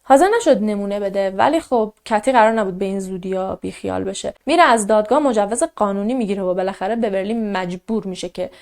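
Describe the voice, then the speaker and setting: A woman's voice: mid-range voice, few pauses. A woman casually narrating a true crime case, quoting the people involved as she goes. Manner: animated, quotes characters in a raised voice.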